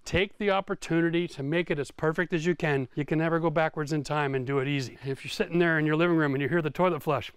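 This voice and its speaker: A man's voice: high-pitched, fairly bright tone. A man giving hands-on home renovation instruction, explaining energetically and talking straight to the viewer while he works in an unfinished basement.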